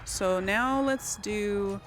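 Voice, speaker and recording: Very slow and mid-range in pitch, this woman's voice casually walks herself through a game for her let's play. Video game music plays in the background.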